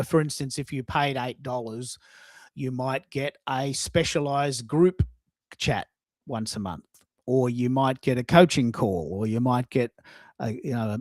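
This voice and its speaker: A man with a medium-pitched, slightly mellow voice hosts a live coaching talk as a social media coach, repeating words for emphasis. The recording is dry, made in a dry room for an online live stream.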